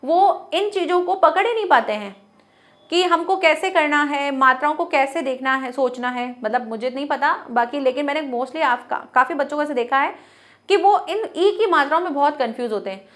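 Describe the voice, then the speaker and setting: A young woman with a high voice teaches a Hindi grammar lesson to students. She explains patiently, puts questions to the class and answers them herself. She repeats words again and again to model their sound. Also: normal speed, a bit bright.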